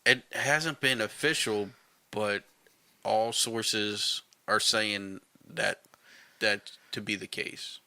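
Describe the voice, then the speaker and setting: A man's voice: lowish voice, steady tone, slow pace, bright, forceful tone, no room sound. A man co-hosting a casual sports podcast, blunt and opinionated, swearing casually as he gives his takes. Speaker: podcast co-host.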